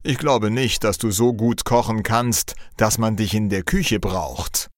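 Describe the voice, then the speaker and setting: A man's voice: on the low side, measured pace, no room sound, clean studio sound, natural voice. A man voicing a stern male palace overseer who scolds the crowd, in a storybook reading.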